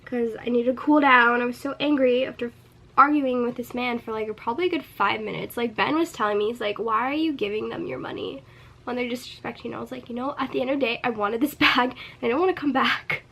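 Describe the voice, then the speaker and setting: A young woman telling a story in a casual vlog while eating, chatty and animated, with frequent filler words and laughs. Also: a little high, fast talker, creaky. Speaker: vlogger.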